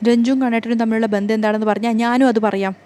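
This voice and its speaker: Woman narrator for a serial recap: a higher voice, rapid delivery, lively retelling with quoted lines. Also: smooth. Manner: quick, animated storytelling, voicing lines of dialogue.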